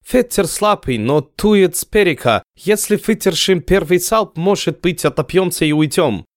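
A man voicing a blunt, gruff Viking warrior. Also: high voice, animated, measured pace, no echo, clean studio sound, voice pushed up.

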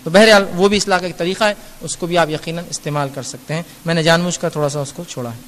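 A man's voice: a little high, a bit bright, long reverb tail, slight background noise. A man giving a Q&A religious lecture, earnest and admonishing, explaining through everyday examples. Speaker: Islamic lecturer answering audience questions.

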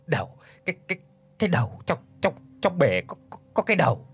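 A man's voice: a little high, expressive, fairly quick, slightly rough, faint music behind. A man doing a blustering, cursing old village chief. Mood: terrified. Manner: shouts curses and orders, stammers in fright.

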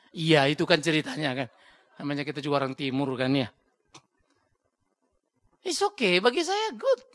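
A male pastor preaches in a blunt, lively way, acting out the people he quotes. His voice sits fairly high and sounds bright and gravelly, with a husky edge. The recording is close and dry. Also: no echo. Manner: drops English words into his talk. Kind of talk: sermon.

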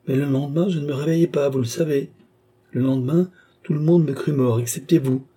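A man's voice: medium pitch, dark tone, slightly rough, close to an everyday voice. A man reading the part of an anxious, protective young nobleman in an audiobook, earnest and worried.

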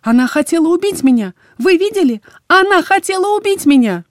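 A woman's voice: high-pitched, lively intonation, fairly quick, darkish tone, no echo, clean studio sound, voice pushed up. A woman voicing a hysterical, injured young woman who shrieks accusations at everyone around her.

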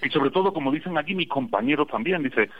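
A man's voice: fairly high pitch, lively intonation, quick pace. A Spanish man with an Andalusian accent, a radio guest calling in and chatting casually, a digressive storyteller with wry humor. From Spain. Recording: tinny phone line.

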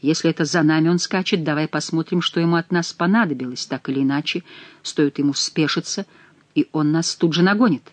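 A woman reading an audiobook and voicing a young nobleman who speaks briskly and warily. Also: low voice, no room sound, natural voice. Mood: wary. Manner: brisk, wary. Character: Saint-Luc, young nobleman husband, wary and brisk.

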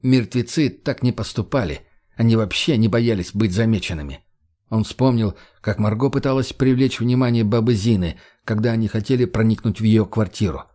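Steady male audiobook narrator. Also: on the low side, normal speed. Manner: steady, even storytelling. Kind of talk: scripted narration.

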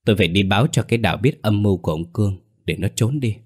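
A man's voice: on the low side, racing, breathy edge. A man playing a stern, principled older father. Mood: calm, firm. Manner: calm, firm and reproachful.

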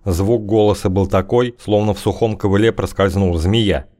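A man reading an audiobook in measured, wry scripted narration. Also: on the low side, fairly even intonation, warm tone.

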